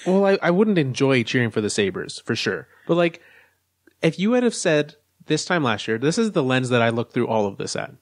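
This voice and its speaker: A man's voice: mid-range voice, very animated, moderate pace, no room sound, clean studio sound. A man co-hosting a casual sports podcast, laying out his arguments step by step. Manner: analytical, lays out arguments step by step. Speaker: podcast co-host.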